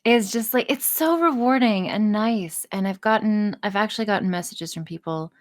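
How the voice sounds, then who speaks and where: Speaking at a normal pace in a mid-range voice, this interview guest is a woman who works as a voice actress and audio creator. Her talk is casual and candid, full of frank self-deprecation and liberal swearing.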